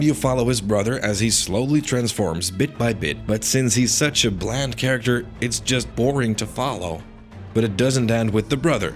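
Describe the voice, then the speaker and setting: A man narrating a scripted video game review in an opinionated, critical manner. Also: mid-range voice. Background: faint background music.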